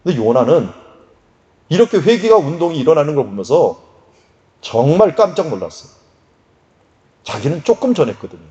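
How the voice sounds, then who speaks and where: Lively, mellow-voiced preaching man. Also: fairly high pitch, moderate pace, long pauses, muffled recording. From Korea. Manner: lively, conversational preaching with acted quotes. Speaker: pastor. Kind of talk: sermon.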